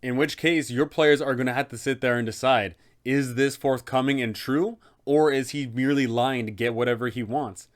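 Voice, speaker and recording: A man with a medium-pitched voice narrates an explanatory video offering advice to game masters, speaking to the viewer directly and posing rhetorical questions. His intonation stays fairly even, his speed is normal, and he barely pauses.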